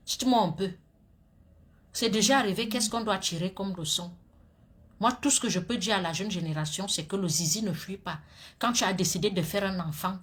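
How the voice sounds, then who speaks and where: A woman's voice: medium pitch, fairly bright tone. A woman, a social media comedian scolding her critics in a heated rant to viewers. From Cameroon.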